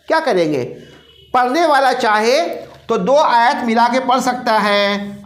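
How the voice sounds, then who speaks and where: A man's voice: very high-pitched, fairly bright tone. Give me a man teaching a recitation class in a roomy space. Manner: repeats each point and quizzes the class. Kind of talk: classroom lecture. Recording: roomy echo.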